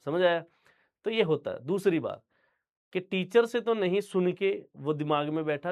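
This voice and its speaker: A man's voice: on the high side, dull audio. Punjabi man teaching a lecture. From Punjab, India. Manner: talks straight to students, repeats "theek hai" often. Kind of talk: online lecture.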